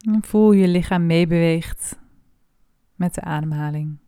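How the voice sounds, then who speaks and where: A woman leading a guided body scan meditation, speaking slowly and softly with long pauses. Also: fairly low pitch, clean tone, dry recording, clean studio sound. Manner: slow, soft and calm with long pauses.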